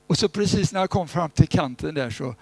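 A man preaching an informal sermon, telling stories in a conversational way and breaking into loud, pleading cries. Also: a little high, lively intonation, slightly rough, no room sound, soft background music.

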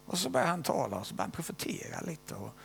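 Older preacher, animated and gravelly. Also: male voice, a little high, a little hiss or hum. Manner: animated, swinging between loud stress and hushed whispers; often ends phrases with a questioning "va?". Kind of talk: sermon with personal testimony.

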